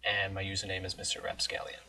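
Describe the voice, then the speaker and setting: Rambling young American man, lowish voice. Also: little pitch movement, fast, gravelly, sharp tone, recorded from a distance. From New Jersey, United States. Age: young adult. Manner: self-interrupting, rambling, casually profane. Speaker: blogger recording an accent challenge. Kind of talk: casual rambling chat.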